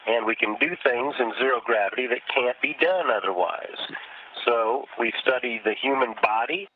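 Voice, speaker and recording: A man's voice: medium pitch, moderate pace. A man answering questions as an astronaut over a radio link from a spacecraft. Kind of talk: answering public questions from orbit. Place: aboard spacecraft in orbit. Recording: phone-like radio downlink, clear noise.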